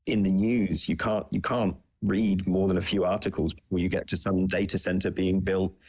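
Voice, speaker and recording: A man with a deep, low voice co-hosts a casual podcast over a video call. He talks haltingly, with frequent ums and restarts. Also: flat delivery, darkish tone. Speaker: podcast co-host. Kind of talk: casual panel chat.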